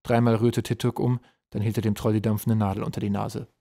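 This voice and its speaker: Mann liest ruhig ein Hörbuch. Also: male voice, on the low side, level tone, quick pace, gravelly, dark tone. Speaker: audiobook narrator. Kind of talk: scripted narration.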